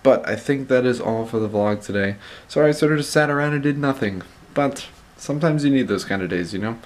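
A young man vlogs in a medium-pitched voice. He talks casually and conversationally into a camera held at arm's length in a room at home, stressing points by repeating words. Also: a little fast. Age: young adult. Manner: conversational, emphatic repetition for stress. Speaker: vlogger. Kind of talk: casual vlog chat.

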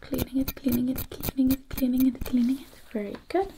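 A young woman in an ASMR role-play, playing a brisk, reassuring medic with soft, breathy, repetitive murmured patter. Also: sits high, little pitch movement. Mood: soothing, businesslike. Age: young adult. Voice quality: soft, breathy, often soft-spoken. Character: brisk, reassuring female medic doing procedures on a patient. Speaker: ASMR performer. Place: small indoor room. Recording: noisy close recording with clicking.

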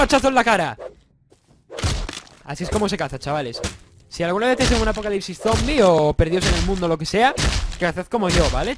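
A young Spanish man talks over his game in a fairly high voice that leaps up and down. He jokes, swears and breaks into yells, sounding a little congested from a cold. Faint noise sits under his home-mic recording. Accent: Spanish from Spain. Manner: excitable, swearing, joking, bursts into yells. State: slightly congested, sore throat. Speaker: gaming YouTuber. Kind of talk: casual let's-play commentary.

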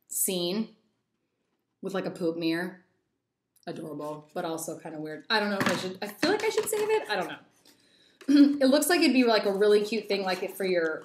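A young woman chatting through a toy unboxing, giddy and rambling with lots of little asides. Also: medium pitch. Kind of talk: casual unboxing chat. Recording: echoey room.

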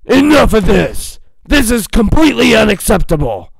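An actor in an animated fan dub playing a huge, lovesick, bossy turtle-monster king in a theatrical, blustering way. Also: mid-range voice, moderate pace, gravelly, low-quality recording. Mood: furious.

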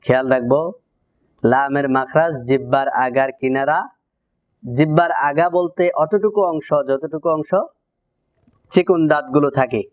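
A man teaching Quran recitation, giving a pronunciation lesson and drawing out syllables in slow repeated drills. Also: mid-range voice. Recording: slightly dull lo-fi recording.

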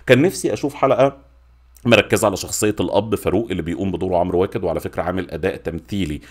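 A man's voice: deep voice, very fast. A man in his forties with an Egyptian accent reviewing in natural unscripted talk, informal and emphatic, repeating words for stress, at a desk microphone. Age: 40s. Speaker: YouTube film and series reviewer. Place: small home studio room. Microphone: desk microphone with pop filter.

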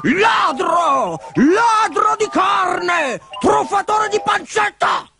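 A man voicing an excitable, grumpy middle-aged butcher in a storybook reading, quick to anger and shouting insults. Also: very high voice, music in the background, voice pushed up, exaggerated voice. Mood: furious. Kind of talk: storybook character voice.

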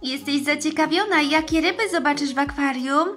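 A woman voicing a caring, cheerful older girl in a children's doll story, speaking gently and clearly. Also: high voice, moderate pace. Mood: friendly. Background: background music.

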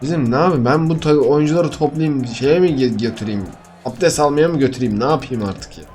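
Faint music sits behind a young man commentating casually on his own game for viewers. His medium-pitched voice is a little fast and a little mellow, lurching between annoyed muttering and sudden outbursts, typical of this gaming YouTuber.

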